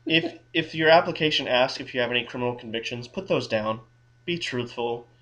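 A man's voice: mid-range voice, brisk, fairly bright tone, poor audio. A man who works as a criminal defense lawyer co-hosting a casual legal advice podcast, explaining things in a wry, thinking-aloud way with frequent restarts.

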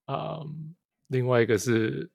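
A man co-hosting a casual chat, hesitant and halting, dropping in English words. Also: mid-range voice, creaky, a little mellow, no echo, clean studio sound. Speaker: podcast co-host.

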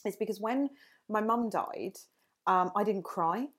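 A woman co-hosting a podcast, speaking frankly and expressively in casual conversation. She tells personal stories with open feeling, at an ordinary pitch for her voice. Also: measured pace. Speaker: podcast co-host.

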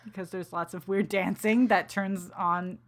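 A woman in casual book chat, recapping a novel with animated, profane enthusiasm and frequent laughter. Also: mid-range voice, a little slow. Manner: animated, profane, laughs often while retelling.

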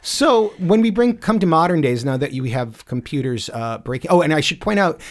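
A man co-hosting a casual chat about dictionaries, explaining in a measured way with some hesitations. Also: fairly high pitch, animated. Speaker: podcast co-host, dictionary editor.

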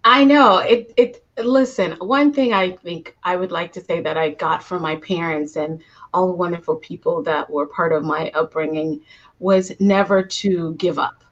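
A woman originally from Guyana speaks as an interview guest, sharing her journey as a coach. She talks in an animated, storytelling way with easy laughs. The call audio is somewhat dull and lo-fi. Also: on the low side, normal speed. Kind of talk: conversational interview answers.

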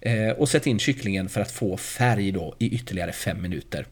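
A man's voice: low-pitched, husky. A man in casual chat, reading out recipe steps plainly with fillers. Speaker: podcast co-host.

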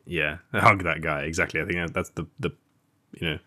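A man's voice: deep voice, fairly even intonation, fairly quick, pushed and bright. A man co-hosting a podcast, riffing and bantering with laughs between lines. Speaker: podcast co-host. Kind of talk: casual chat.

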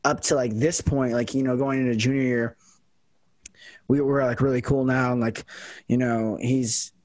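A man's voice: mid-range voice, fairly even intonation, normal speed, a little mellow, dry recording. A young man hosting a casual podcast chat, rambling with lots of fillers and restarts. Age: young adult. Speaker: podcast host and college football kicker.

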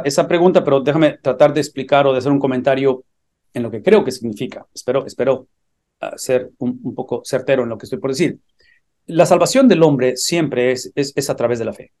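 A man's voice: mid-range voice, brisk, a little mellow. A man teaching a church Bible class, earnest and explanatory, building emphasis through repeated phrases. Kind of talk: theological teaching.

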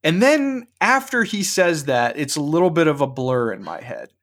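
A man hosting a podcast, telling a rambling, animated anecdote with lots of restarts in a casual chat. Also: fairly high pitch, normal speed. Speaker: podcast host.

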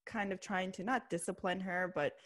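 A woman in casual chat, measured and reflective, with many fillers. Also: medium pitch, fairly even intonation. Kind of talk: casual chat about a reality show.

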